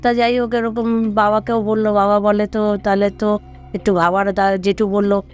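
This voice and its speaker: A man's voice: sits high, flat delivery, normal speed, soft background music. A man telling a ghost story in casual conversation, rambling and repeating himself with many fillers.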